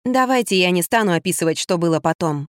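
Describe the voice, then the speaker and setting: A woman reading an audiobook aloud, telling the story in the first person in a lively, expressive way. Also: on the low side, quick pace, no echo, clean studio sound. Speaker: narrator.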